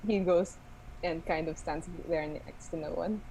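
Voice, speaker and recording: A woman's voice: low voice, steady tone, measured pace, vocal fry, warm tone, slight background noise, low-quality recording. A woman narrating casually as game master of a tabletop role-playing game.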